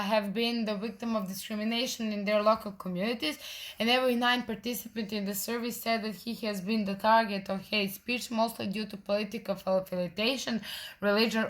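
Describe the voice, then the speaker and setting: A woman from Serbia, presenting her research in a prepared talk, pausing often with fillers and restarting words. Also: a little high. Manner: hesitant, frequent uh fillers and self-corrections.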